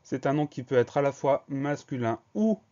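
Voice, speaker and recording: A man teaching spelling in a patient, careful way, dwelling on each syllable and spelling it letter by letter. His voice sits at an ordinary middle pitch. The recording sounds slightly dull and lo-fi. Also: expressive, moderate pace, mellow. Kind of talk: spelling dictation lesson.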